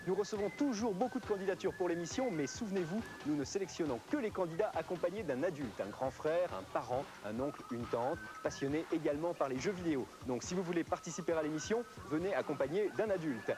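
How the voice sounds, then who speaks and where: A man with a French accent reading scripted announcements as presenter of a video game show, in a promotional, clearly articulated way. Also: a little high, animated, quick pace, hardly any pauses. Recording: music under the voice. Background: prominent music.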